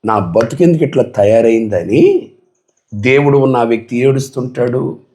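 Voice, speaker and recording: A man's voice: medium pitch, moderate pace, dark tone. A male pastor preaching a sermon, emphatic and full of rhetorical questions put to the congregation.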